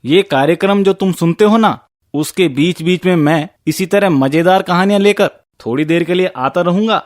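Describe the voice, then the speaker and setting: A man's voice: high-pitched, moderate pace, close to an everyday voice. An actor playing a cheerful male mascot who addresses children playfully in a radio lesson. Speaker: recurring show character.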